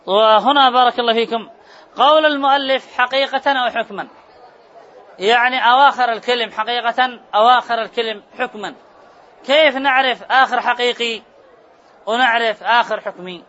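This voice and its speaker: A man's voice: very high-pitched, fairly even intonation, normal speed, bright, forceful tone, some chatter behind. A man teaching a grammar class, repeating key terms and quizzing his students. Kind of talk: classroom lecture. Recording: muffled classroom recording with murmur.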